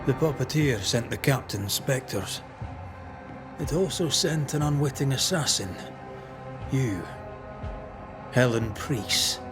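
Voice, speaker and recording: A man playing a solemn, righteous ghost hunter in a video game, measured and confronting. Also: mid-range voice, animated, over music. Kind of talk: dramatic video game acting.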